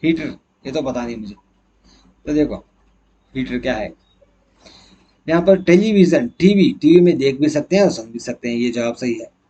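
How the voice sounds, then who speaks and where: A man's voice: medium pitch, expressive, long pauses, dark tone, breathy edge. A man teacher going through exam questions one by one, asking and answering his own questions as he explains. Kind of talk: exam answer key walkthrough.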